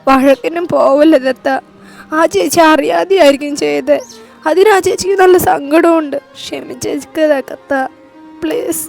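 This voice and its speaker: A gentle young woman pleads anxiously, her voice high and strained. A woman narrator voices her. Faint music runs under the reading. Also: normal speed, gravelly. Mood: pleading.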